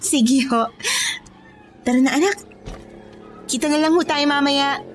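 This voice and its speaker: A woman's voice: sits high, measured pace, slight background noise. A woman playing a polite, talkative mother at a beauty parlor. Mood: eager. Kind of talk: audio drama acting.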